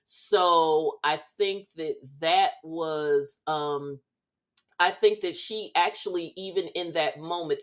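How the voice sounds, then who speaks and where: A woman co-hosting a podcast, recapping reality TV in unhurried, measured casual chat with frequent fillers. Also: fairly low pitch. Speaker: podcast co-host.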